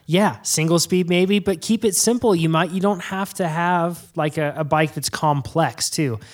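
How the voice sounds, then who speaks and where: A man hosting a casual podcast, relaxed and rambling, laughing often. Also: a little high, normal speed. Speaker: podcast host.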